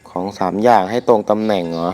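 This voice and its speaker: Over faint music, a young man with a fairly low voice talks fast while hosting his gaming channel. His play-by-play is casual, crude, and excitable, full of talking to himself, and a sore throat stops him from shouting.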